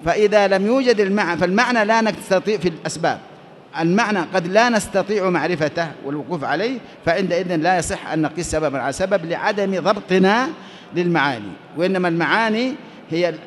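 A man's voice: high-pitched, fast talker. A man giving a classroom lecture on Islamic law, explaining step by step and posing questions he then answers himself. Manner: explanatory, asks and answers his own questions. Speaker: teacher of Islamic jurisprudence.

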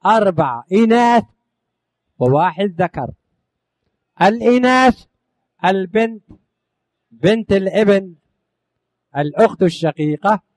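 A man with a high, lifted voice teaches a religious law lesson as a recitation. He asks his listeners each question and answers it himself, running through lists again and again. The sound is close and dry, with no room around it. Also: darkish tone, no room sound. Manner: rising on each question, dropping at the end of lists; addresses listeners affectionately. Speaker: teacher of Islamic inheritance law.

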